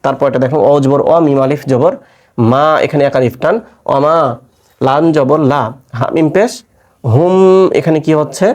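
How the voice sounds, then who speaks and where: A man leads a step-by-step Quran recitation lesson, his voice sitting a little high for a man. He spells out each letter and vowel mark, then chants the joined word in a slow, drawn-out recitation tone. He often asks his listeners a question and answers it himself. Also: fairly even intonation, a little mellow.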